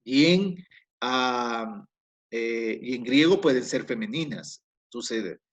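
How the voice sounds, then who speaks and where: Slow, patient Spanish-speaking language teacher. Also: male voice, mid-range voice, expressive. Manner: explanatory, repeats key points, frequent fillers and self-corrections. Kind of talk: recorded class lecture.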